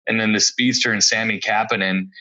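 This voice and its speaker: Speaking on the low side with fairly even intonation, this man talks fairly quickly in a bright, forceful tone, though the audio is dull. A former professional hockey player in his forties, he shares laid-back memories during a podcast interview, chuckling between stories.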